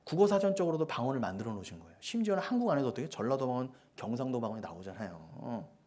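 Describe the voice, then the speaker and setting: A man preaching a sermon as pastor, with forceful rhetorical questions and sudden hushed asides. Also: medium pitch, very animated, very fast.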